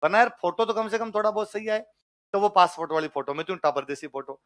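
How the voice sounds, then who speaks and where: High-voiced Rajasthani male teacher. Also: fast. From Jodhpur, Rajasthan. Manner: animated storyteller acting out quoted voices. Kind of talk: storytelling anecdote in a lecture.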